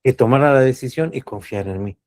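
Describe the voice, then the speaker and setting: An earnest man gives a spiritual coaching talk in a mid-pitched voice. He teaches reflectively, repeating key phrases for emphasis and posing rhetorical questions to his listeners. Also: fast, a little mellow. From Cuba.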